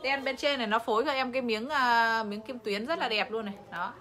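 A woman's voice: a little high, fairly quick, bright, forceful tone, soft background music. A woman selling clothes on a livestream, chatty and talking straight to her viewers. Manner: chatty, addresses viewers directly, laughs often. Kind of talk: live sales pitch.

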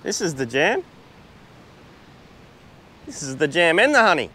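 A man's voice: a little high, very animated, unhurried, pushed and bright. An Australian man chatting casually through a travel vlog on a beach, laid-back, with lots of fillers and restarts, recorded outdoors on a small camera-mounted mic. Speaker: travel vlogger.

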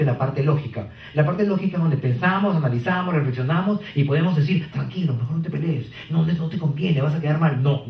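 A man with a Peruvian accent giving a lively sales-training seminar, quizzing the audience as he goes. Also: a little high. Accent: Peruvian Spanish. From Peru. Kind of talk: live motivational seminar talk. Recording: roomy, distant, dull seminar hall.

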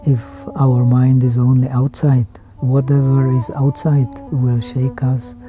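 An older man from the Czech Republic with a Czech accent, a Buddhist monk speaking calmly in a reflective interview and ending his thoughts with a questioning "huh?" or "hmm?". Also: medium pitch, unhurried. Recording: slightly dull sound with flute music behind.

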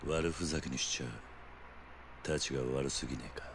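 A stoic young yakuza in a video game, calm and restrained. His voice is extremely deep and his lines stay short and clipped. Faint noise sits under the game sound. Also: brisk. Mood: restrained, uneasy.

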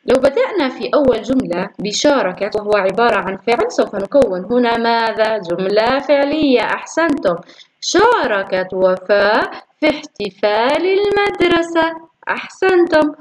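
A woman teacher going through workbook exercises for young pupils, praising often and slowly drawing out syllables as she sounds words out. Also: on the high side, expressive, rough recording. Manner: slow, drawn-out syllables when sounding out words. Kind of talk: recorded classroom lesson.

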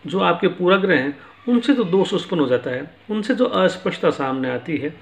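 A man's voice: high-pitched, expressive, brisk, vocal fry. A man teaching philosophy in a patient lecture, explaining each point with everyday examples.

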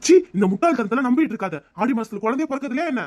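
A woman's voice: on the high side, animated, rapid-fire, a little mellow. A woman voicing a kindly older father-in-law in a cartoon, soothing and reproachful by turns. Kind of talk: cartoon voice acting.

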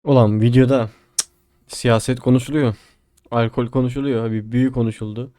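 A man's voice: medium pitch, fairly even intonation, moderate pace, warm tone, no room sound, studio quality. A man putting on a drunken town-drunk manner, muddled and rambling as he chats during an online game. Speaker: host of a comedy gaming video.

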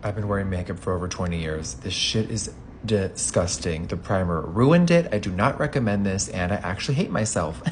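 A man doing a casual makeup review vlog, talking in a sassy, campy way with frequent swearing, swinging between loud exclamations and low muttered asides. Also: lively intonation, a little fast, slight background noise. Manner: sassy and campy, calls viewers "bitch" and "baby"; swears often.

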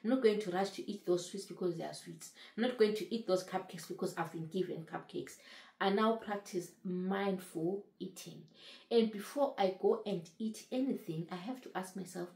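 Speaking at a moderate pace with a medium pitch, this woman in her late thirties shares her weight-loss story on camera in a casual, earnest way, repeating phrases to stress them. Her mellow voice carries vocal fry, and the room sounds open.

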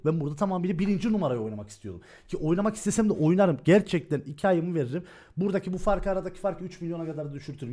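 Brief: high-voiced male streamer, rapid heated rant, swears freely. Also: darkish tone. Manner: fast, agitated ranting with swearing. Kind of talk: heated casual stream talk.

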